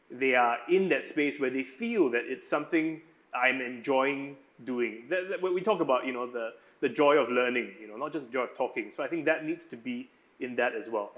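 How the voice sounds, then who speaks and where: Thoughtful man, medium pitch. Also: a bit bright. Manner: thoughtful, conversational. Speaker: panelist who does interviews. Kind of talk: panel discussion.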